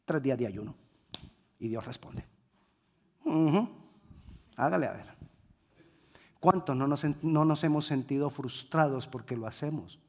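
A male preacher delivering a sermon, swinging between quiet reflection and loud emphasis. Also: mid-range voice, unhurried, long pauses.

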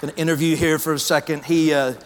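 A man's voice: a little high, level tone, quick pace, slight background noise. A man, a pastor, telling stories in a casual way during a sermon and interviewing a guest on stage. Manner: casual, storytelling delivery. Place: large church auditorium. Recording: long hall reverb.

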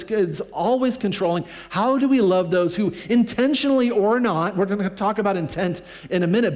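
A man's voice: sits high, in a large hall. A man preaching a sermon in a church in a conversational way, with many restarts and short acted-out quotes. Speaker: pastor.

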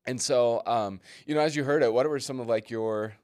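A man's voice: mid-range voice, fairly quick, no room sound, clean studio sound. A man in his forties, a pastor co-hosting a podcast, telling stories casually with fillers and laughs. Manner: storytelling, relaxed with frequent fillers and laughs.

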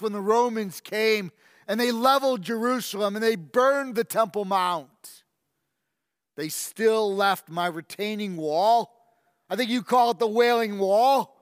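An actor playing a boastful, ruthless ancient king in a first-person dramatic monologue, pompous and menacing, with slow drawn-out emphasis. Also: sits high, fairly bright tone, no room sound, studio quality, long reverb tail.

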